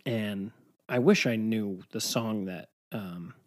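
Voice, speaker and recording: A man's voice: lowish voice, takes it slowly. A man hosting a podcast, recapping a film in a rambling, casual way with frequent swearing and laughter. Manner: rambling, profane, laughing storyteller. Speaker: podcast host.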